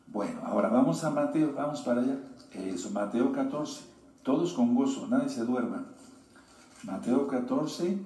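A man teaching scripture in a slow, deliberate sermon style, pausing to have his listeners underline verses. His voice is dark and mellow. It sounds echoey, as if picked up from a distance in a roomy space. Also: medium pitch. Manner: slow, deliberate reading with repeated instructions to underline. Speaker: Bible teacher. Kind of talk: sermon-style Bible study.

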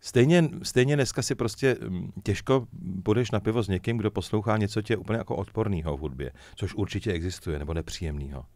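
A man's voice: fairly low pitch, hardly any pauses, dry recording. A middle-aged man, a musician guest, chatting casually in an interview and telling jokey stories. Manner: lively joking storyteller, chuckles often.

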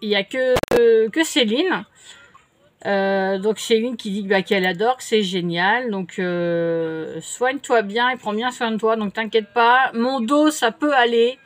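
A middle-aged woman chats at home and answers her viewers' comments. Her voice sits a little high. She rambles on, full of fillers and restarts, in a relaxed vlog tone. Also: unhurried. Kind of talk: casual chat. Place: home, indoors.

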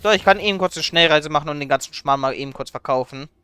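A male streamer comments casually on his game with wry playfulness. His voice is fairly high, bright and very clear. He is recorded close and dry. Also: fast talker, dry recording.

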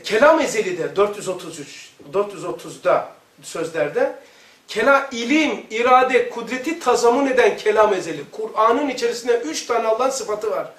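A man with a very high voice gives an informal religious lesson, spinning colloquial, joking anecdotes and laughing at his own stories. He sounds well away from the mic, and his voice rings around an echoey room. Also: recorded from a distance. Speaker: religious lecturer.

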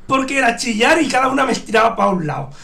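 Guy in his 30s hosting a stream on a headset, high voice, rambly, reads out chat questions. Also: big pitch swings, quick pace, creaky, bright, forceful tone. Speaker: show host. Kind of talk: casual interview chat. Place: home streaming room.

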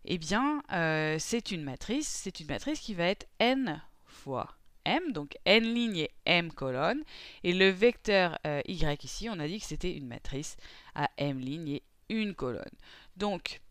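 A smooth, clear voice in a dry, close recording, talking through a math lesson one step at a time. The teacher keeps asking questions aloud and then answers them, with a few fillers between the steps. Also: mid-range voice, measured pace, no room sound. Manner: steady step-by-step explaining, asks itself questions and answers them; frequent fillers while working through the steps.

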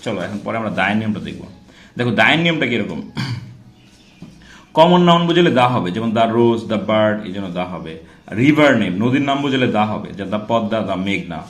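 A male grammar teacher in a medium-pitched voice talks through a lesson in a casual, classroom way. He spells out and repeats example words and keeps asking rhetorical check-in questions. The sound is roomy, with a clear echo. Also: animated, fairly quick.

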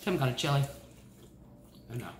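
A woman's voice: rumbling low, expressive. A middle-aged woman, chatting casually to camera as she chews and talks with her mouth full. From Ohio, United States. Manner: chewing and talking with mouth full, mumbled pauses. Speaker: eating-show host. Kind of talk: casual chat to camera during a meal. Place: indoor room at a table. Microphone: camera across the table. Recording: roomy echo, faint background noise.

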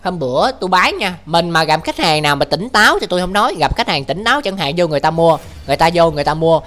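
A man's voice: fairly high pitch, sing-song, quick pace, fairly bright tone, soft background music. A man chatting on a livestream as he reads out viewer comments, ranting in a brash, crude, mock-exasperated way. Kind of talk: casual livestream chat.

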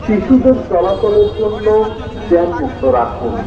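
A man making a formal public announcement through a megaphone loudspeaker at an outdoor market, repeating each phrase. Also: sits high, lively intonation, moderate pace. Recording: echoey, distant, dull loudspeaker sound with market crowd.

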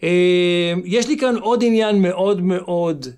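A man's voice: high-pitched, a little mellow, clear, resonant tone. A man with an Israeli accent teaching in an emphatic, exhorting motivational style, repeating phrases for stress. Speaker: English teacher and channel host. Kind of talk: motivational lesson to camera.

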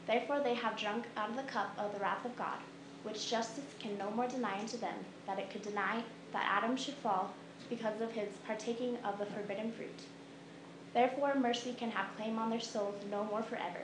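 A woman's voice: fairly high pitch, steady tone, fairly quick. A woman giving a recitation of scripture. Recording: echoey room with loud background noise.

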